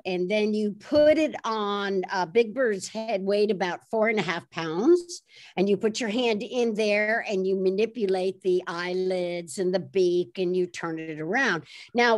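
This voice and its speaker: A woman author being interviewed, telling behind-the-scenes stories in a lively, animated way and laughing easily. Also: medium pitch. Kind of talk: anecdotal storytelling in conversation.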